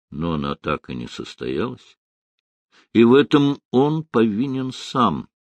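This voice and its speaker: A man reading a novel aloud as an audiobook narrator, in a measured, expressive style. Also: mid-range voice, no room sound. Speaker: audiobook reader. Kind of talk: scripted narration.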